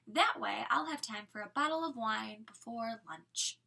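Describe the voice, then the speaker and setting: A woman reading aloud and voicing a scheming male villain with a mocking, breathy half-whisper and slow menace. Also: a little high, sharp tone, full character voice.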